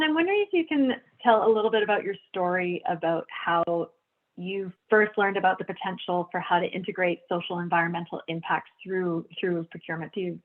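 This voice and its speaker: A woman moderating a panel discussion in a brisk, upbeat way, introducing guests. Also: lowish voice, narrow, tinny audio. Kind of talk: hosting a panel.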